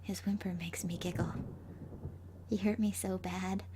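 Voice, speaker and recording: A woman voicing the gleefully vengeful ghost of a five-year-old girl in a horror story, hushed and haunting, breathy, often slipping into a whisper. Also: lowish voice, flat delivery, measured pace, background noise, lightly acted. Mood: hushed, menacing. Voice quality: breathy, husky. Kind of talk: first-person horror story narration.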